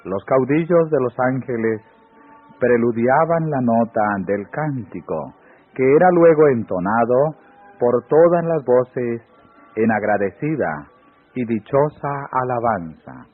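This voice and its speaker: Slow solemn guy reading scripture-style text, husky voice, tinny phone sound, soft music behind. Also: mid-range voice, lively intonation. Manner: solemn, rising on exclamations. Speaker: reader of devotional text. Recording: phone-like audio with faint music.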